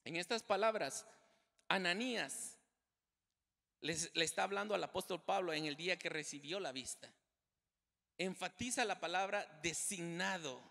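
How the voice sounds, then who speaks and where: A man's voice: high-pitched, moderate pace, vocal fry, pauses often, sharp tone. A male pastor preaching a sermon to his congregation, emphatic and repeating key phrases as he speaks to them directly. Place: church sanctuary. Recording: long church hall reverb.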